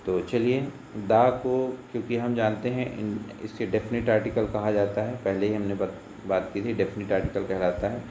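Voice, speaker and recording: A man's voice: lowish voice, fairly even intonation, normal speed, few pauses, warm tone. A male school teacher explaining English grammar, patiently asking and answering his own questions as he goes. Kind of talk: grammar lesson explained in Hindi. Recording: echoey room with faint insect noise.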